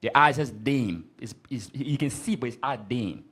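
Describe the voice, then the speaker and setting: Brief: male Bible class teacher, emphatic and repetitive, mid-pitched voice, keeps calling for verses to be read again. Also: lively intonation, moderate pace, fairly bright tone, breathy edge. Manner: emphatic, repetitive, prompts the reader often. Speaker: teacher leading a scripture class. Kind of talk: street-corner style Bible class teaching.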